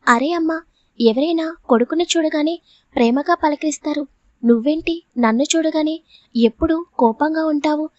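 A woman's voice: high voice, normal speed, a little mellow, no echo, close to an everyday voice. A woman reading the part of a greedy, drunken middle-aged father who talks in a smug, wheedling way in a storybook reading. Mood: mocking. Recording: dull lo-fi audio.

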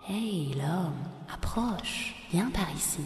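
A woman voicing a sly, murderous old cannibal woman in a told legend, speaking in a hushed, coaxing way. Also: fairly low pitch, expressive, slow pace, reverberant, long reverb tail.

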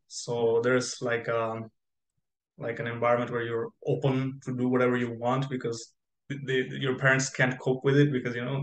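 Young man, from Spain, interview guest, rambling with fillers, roomy echo, mid pitch. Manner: rambling, many fillers and restarts. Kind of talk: casual video-call interview. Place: bright room indoors. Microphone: video call. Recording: echoey room on video call.

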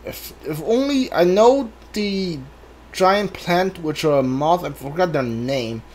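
Speaking slowly in a high, expressive voice with a darkish tone, this man streams a game and comments casually as he plays. He rambles and hesitates while thinking aloud, and soft game ambience plays in the background.

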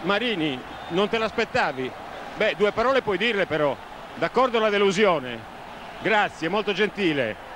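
A man working as a pitchside reporter, doing live post-match interviews. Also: expressive, normal speed, pauses often. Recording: noisy stadium broadcast.

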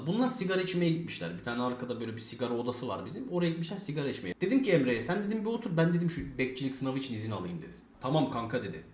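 Young male streamer, rapid rambling anecdote voice with lots of swearing, roomy echo. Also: mid-range voice, darkish tone. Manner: fast, rambling, swears a lot, acts out quoted dialogue. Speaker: streamer telling a story. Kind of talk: casual storytelling with heavy swearing.

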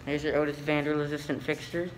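A man's voice: fairly high pitch, flat delivery, fast. A man filming and narrating a walk through an indoor shopping mall on his phone, talking to viewers with frequent ums. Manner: hesitant, many ums, talks to viewers. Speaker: vlogger filming elevators. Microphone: handheld phone camera. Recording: noisy mall ambience.

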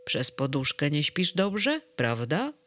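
A reader as Pan Sen, a calm dream keeper. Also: medium pitch, slow. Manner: calm, gently solemn, soothing. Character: calm, kindly male night worker of dreams. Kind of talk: children's storybook reading.

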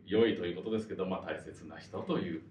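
A man's voice: sits low, fast talker, a little mellow, roomy sound, distant mic, slight background noise. A man teaching singing, explaining pronunciation politely with many fillers. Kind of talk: explanatory lesson.

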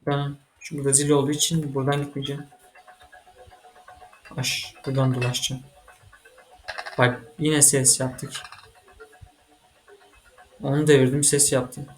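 Excitable man narrating his gameplay. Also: medium pitch, unhurried, long pauses. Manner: excitable, frustrated, swearing at the game. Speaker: gaming channel host. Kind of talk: let's-play commentary.

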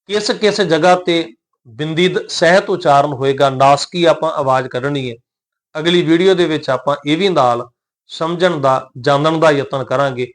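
A man with a Punjabi accent teaching scripture pronunciation, reciting each line slowly and deliberately. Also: fairly high pitch. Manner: slow, deliberate chanting of scripture lines. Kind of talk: slow recitation and pronunciation lesson.

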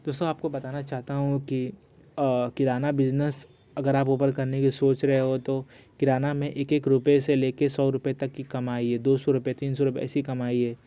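Young male vlogger, monotone delivery, mellow smooth tone, casual product walkthrough. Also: medium pitch, normal speed. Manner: repeats "doston" often, reads prices aloud. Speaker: YouTube host. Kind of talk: screen-recorded product walkthrough.

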